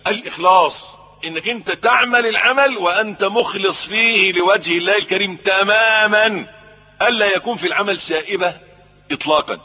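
A man with an Egyptian accent preaching a sermon, rising to emphatic peaks and then dropping low. His voice is husky and sits a bit high. The recording is dull and lo-fi, with a long reverb from a large hall. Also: fairly quick. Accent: Egyptian Arabic. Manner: asks the audience questions. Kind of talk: Islamic sermon.

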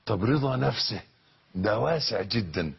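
A man preaching a sermon in an Egyptian Arabic accent, fervent and repetitive, moving from soft murmurs to shouted peaks. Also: on the low side, lively intonation, normal speed, creaky, breathy edge, lo-fi sound. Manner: fervent, repeats phrases, swings from soft to shouted. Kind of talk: religious sermon.

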